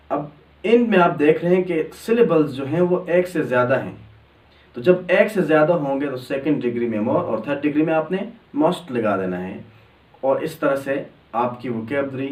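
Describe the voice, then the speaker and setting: A man's voice: mid-range voice, a little mellow. Male teacher, patient step-by-step explainer, distant mic in a roomy space. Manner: explains step by step, drawing out example words slowly. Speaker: English teacher. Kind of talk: grammar lesson. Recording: echoey room, distant mic.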